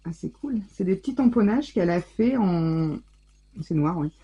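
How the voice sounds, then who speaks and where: A woman scrapbooking vlogger chats casually through an unboxing, exclaiming over every little thing. Her voice is mellow and warm, with a soft huskiness. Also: lowish voice, animated, moderate pace, slightly rough, lo-fi sound. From France. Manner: gushing, chatty, exclaims over each item.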